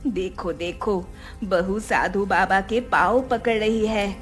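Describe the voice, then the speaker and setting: A woman's voice: medium pitch, slow, faint music behind, pitched below the performer's own voice, lightly acted. A woman voicing a worried middle-aged mother-in-law in a cartoon, fretful in tone. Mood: hopeful. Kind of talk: cartoon voice acting.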